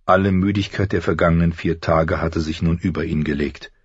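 A man narrates a dramatic audiobook in a measured, grave manner. His voice is low and deeply husky. The recording is dry and a little muffled. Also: steady tone, no room sound.

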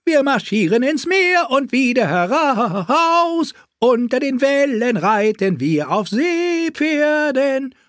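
A half-mad jester, very high, drawn out, crazed glee. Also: male voice, big pitch swings, fairly bright tone, no room sound, studio quality, full character voice. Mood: giddy. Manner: singsong, stuttering, slow and drawn out. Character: giddy male jester, bell-ringing, half-mad.

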